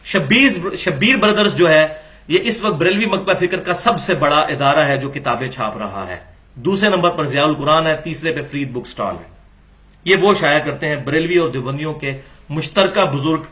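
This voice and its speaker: A man delivers a religious lecture in a high voice. His tone is bright and cutting, and he presses his argument with pointed rhetorical questions. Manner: argumentative, rhetorical questions, acts out quoted dialogue.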